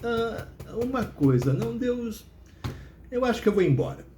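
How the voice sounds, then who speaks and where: A scheming young Eve, put on by a man, coaxes in a raised, sing-song voice. The telling is comic and lively. The sound carries a roomy echo. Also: a little high, moderate pace, a little hiss or hum, voice pushed up. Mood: coaxing. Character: scheming young woman Eve, sly and coaxing.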